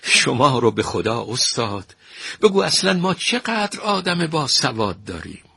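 A man voicing an anxious, flattering court minister who pleads and warns, husky and sharp. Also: medium pitch, no room sound, voice pushed up, full character voice. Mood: alarmed.

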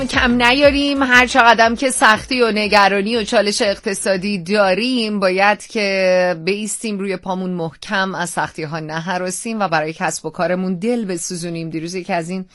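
A woman co-hosts a morning radio show. She speaks in an encouraging, motivational way at a medium pitch. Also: a bit bright. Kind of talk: upbeat morning radio talk.

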